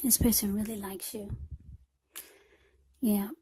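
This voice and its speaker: A woman reading tarot talks informally to the viewer in short, unscripted phrases. Her husky, breathy, mid-range voice is slow and mellow, with a flat delivery.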